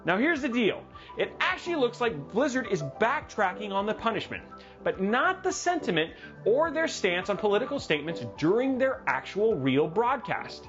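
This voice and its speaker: Lively, jokey male tech news host. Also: sits high, moderate pace, lo-fi sound. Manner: animated and jokey, with dramatic asides. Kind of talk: livestreamed tech news commentary. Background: music playing under the voice.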